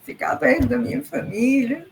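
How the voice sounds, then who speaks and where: A woman's voice: sits high, moderate pace, creaky, darkish tone, a little hiss or hum, low-quality recording. A Brazilian woman leading a casual Bible study from her home office, mixing personal stories with scripture in a chatty way full of little asides. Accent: Brazilian Portuguese. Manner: chatty, peppered with "né" and "sabe". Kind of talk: casual devotional talk and personal testimony.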